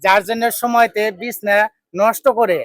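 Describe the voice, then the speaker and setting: A man acts out a stern, preachy bystander, berating a son in an amateur street drama. The voice sits very high and carries an emphatic, lecturing push. The recording is dry, with almost no room sound. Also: fairly even intonation, moderate pace, fairly bright tone, no echo. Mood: scolding.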